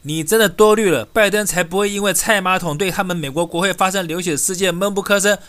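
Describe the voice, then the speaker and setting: A man's voice: sits high, quick pace, fairly bright tone. A man delivering a scornful political rant, firing off insulting rhetorical questions. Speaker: political commentator. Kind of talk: ranting political commentary.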